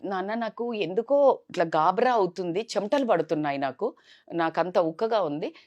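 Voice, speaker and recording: A woman's voice: mid-range voice, animated, normal speed, darkish tone, natural voice. A woman voicing a weary elderly mother. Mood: pleading. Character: elderly mother, weak and pleading.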